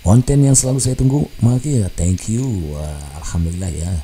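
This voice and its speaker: A man's voice: lowish voice, normal speed, dark tone. A man hosting a study channel, casually reading viewer comments aloud with frequent laughs and English phrases mixed in. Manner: chatty, laughs often, mixes in English phrases. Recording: faint background noise.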